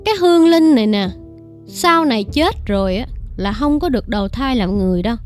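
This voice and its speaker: A woman voicing a calm Buddhist nun who explains karma in a slow, measured way. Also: on the high side, soft background music, natural voice. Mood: solemn.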